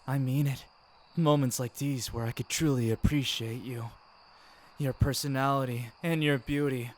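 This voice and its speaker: Steady in tone and moderate in pace, a mid-pitched male voice plays an affectionate, teasing boyfriend in an ASMR roleplay. He's an amateur audio performer, and ambient background noise clearly runs under his voice.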